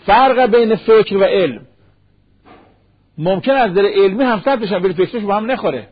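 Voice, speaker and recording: A man with a husky voice pitched high preaches a sermon. He drops into a slow recitation for Arabic verses and fires off rhetorical questions. The sound is dull and lo-fi, like an old radio broadcast. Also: expressive. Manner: rhetorical questions, acts out imagined speakers. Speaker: cleric. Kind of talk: sermon on marriage.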